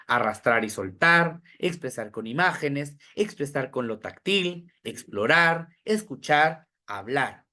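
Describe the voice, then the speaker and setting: A man's voice: on the high side, fairly bright tone. A man giving an online training lecture to teachers. He explains step by step, lists examples and keeps checking in with "¿verdad?". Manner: addresses listeners directly, asks how they are following. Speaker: teacher trainer in educational psychology.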